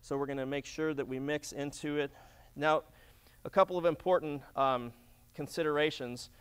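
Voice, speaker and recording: A man's voice: fairly high pitch, fairly even intonation, normal speed, smooth. Middle-aged man explaining epoxy steps. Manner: practical, explanatory, with frequent fillers and restarts. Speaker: flooring demonstrator. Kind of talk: instructional demonstration. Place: large warehouse floor, indoors.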